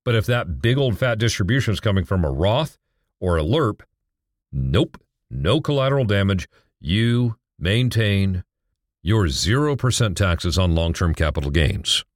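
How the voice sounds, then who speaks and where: A man's voice: lowish voice, very animated, measured pace, dry recording, studio quality. A middle-aged man explaining retirement account taxes, emphatic and asking rhetorical questions that he answers himself. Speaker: financial educator. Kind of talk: explanatory financial talk.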